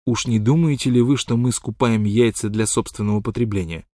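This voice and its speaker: A man reading an audiobook, voicing a cool, shrewd male gold-rush trader in a calm, businesslike way. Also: on the low side, brisk, no room sound, clean studio sound, natural voice. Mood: dry. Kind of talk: audiobook character voice.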